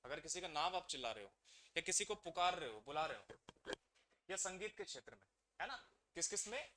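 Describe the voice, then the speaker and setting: A man's voice: fairly high pitch, big pitch swings, a little fast, noisy background. A man teaching a grammar lesson to exam students. He keeps asking the class questions and then answers them himself.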